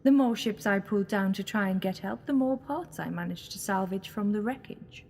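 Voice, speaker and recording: A woman's voice: mid-range voice, moderate pace, darkish tone, a little hiss or hum, natural voice. A woman acting in an audio drama as a sly, mocking alien villainess posing as a goddess, theatrical and taunting. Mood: pragmatic. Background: music.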